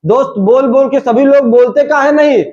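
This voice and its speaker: A man teaching a spoken English class, shouting drill phrases and joking with his students. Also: very high-pitched, moderate pace, muffled recording.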